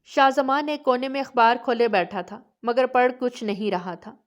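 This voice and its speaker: A woman reading a romance novel aloud in calm, even storytelling narration. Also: fairly high pitch, highs cut off.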